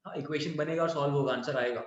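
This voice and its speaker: A man's voice: a little high, fairly even intonation, fast. A man teaching a math class online, mixing Indian-accented English into Hindi and checking in often with his students. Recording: very echoey, dull lo-fi.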